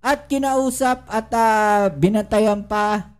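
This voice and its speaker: A woman's voice: mid-range voice, slow pace, darkish tone. A woman giving casual political commentary to her viewers, full of rhetorical questions and tag questions. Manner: addresses viewers directly and often.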